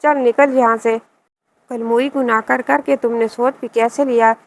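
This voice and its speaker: A woman voicing an angry, unforgiving mother who scolds her son, with a fairly high voice. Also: fairly even intonation, natural voice, rough recording. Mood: scolding. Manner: scolding and contemptuous.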